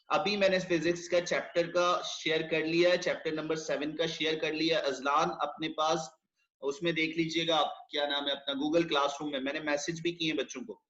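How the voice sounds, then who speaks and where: A man's voice: a little high, fairly bright tone. A man teaching an online English grammar lesson, questioning students by name. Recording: echoey, dull online class audio.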